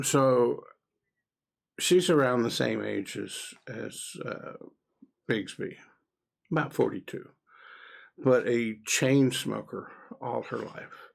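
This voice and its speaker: A man chatting casually as a player in a tabletop game, halting and full of fillers. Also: mid-range voice, vocal fry.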